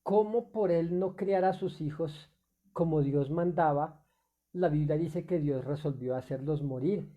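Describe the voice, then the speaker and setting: A man's voice: fairly high pitch, measured pace, highs cut off. A male pastor preaching a sermon off the cuff, full of fillers, restarts and rhetorical questions.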